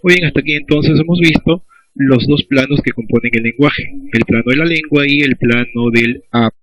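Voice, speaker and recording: A teacher walks through a recorded language lesson step by step, often pausing to check in with a quick "¿sí?". His voice sits at an ordinary middle pitch for a man. The recording sounds dull and lo-fi. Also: a bit bright, a little hiss or hum. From Peru. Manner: methodical, checks understanding with "¿sí?".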